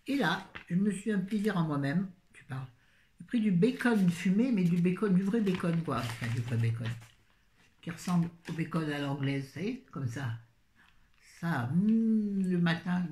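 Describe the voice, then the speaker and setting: A woman's voice: on the low side, lively intonation, normal speed, warm tone, slight background noise. A middle-aged woman chatting casually through a grocery haul, rambling with self-mocking asides. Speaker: vlogger. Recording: echoey room.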